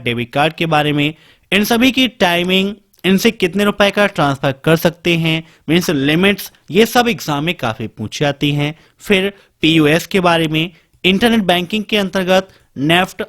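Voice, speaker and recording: Lively high-pitched male tutor. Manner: brisk listing teacher addressing students directly. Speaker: computer exam tutor. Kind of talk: screen-share exam prep lesson.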